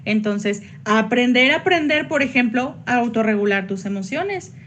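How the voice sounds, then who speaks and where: A woman psychologist giving a workshop online, chatty, with sudden high jumps when she acts out quoted voices. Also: animated, normal speed, a bit bright, slight background noise.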